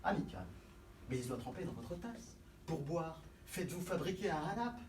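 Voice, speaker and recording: Un acteur jouant un bretteur fier et spirituel, déclamant des vers de théâtre avec emphase, de façon cabotine et flamboyante. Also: male voice, high voice, very animated, moderate pace. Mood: soft, mock-tender. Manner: hammy, flamboyant, swinging from hushed to bellowed. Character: proud, witty swordsman Cyrano de Bergerac mocking his own nose. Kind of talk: theatrical verse declamation, classical French stage acting. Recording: roomy echo, distant microphone, faint noise.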